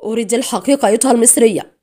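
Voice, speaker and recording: A woman's voice: medium pitch, expressive, quick pace, natural voice. A woman reading an audiobook, voicing a cruel, scheming female spy who mocks coldly and snaps in anger. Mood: harsh angry. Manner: cold menace rising to sharp anger.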